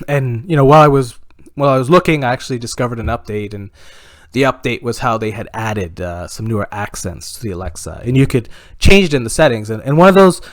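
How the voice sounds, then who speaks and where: A man's voice: medium pitch, lively intonation, brisk, no room sound, studio quality. A Canadian man telling a stand-up comedy story in a rambling way, full of "you know" fillers and laughing at his own jokes.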